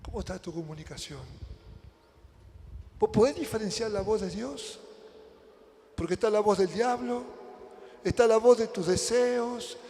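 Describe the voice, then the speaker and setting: A man with an Argentine accent preaching a sermon as pastor. He swings between loud emphatic lines and hushed near-whispers, and asks many rhetorical questions. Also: sits high, measured pace, long pauses. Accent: Argentine Spanish. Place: church hall. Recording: reverberant church hall.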